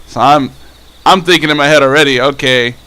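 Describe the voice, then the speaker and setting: A man's voice: fairly high pitch, brisk, pushed and bright. A young man casually telling a story on his vlog, rambling and swearing, with many restarts. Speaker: vlogger.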